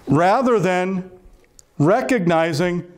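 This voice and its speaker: A man's voice: high-pitched, expressive, takes it slowly. A man preaching a sermon as pastor, earnest and asking his listeners rhetorical questions.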